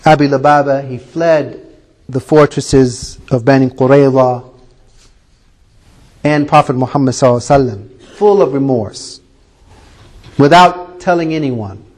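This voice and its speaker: A man preaching to a congregation, giving an animated retelling of a story with reverent honorifics. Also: mid-range voice, moderate pace, pauses often. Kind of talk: sermon storytelling.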